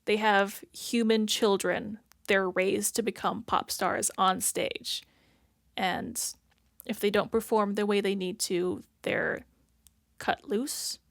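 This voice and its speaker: A woman's voice: mid-range voice, fairly bright tone, no echo, studio quality. A woman hosting a reaction video, rambling casually, filling her talk with "like" and "if that makes sense" as she searches for words. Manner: thinks aloud, searching for words.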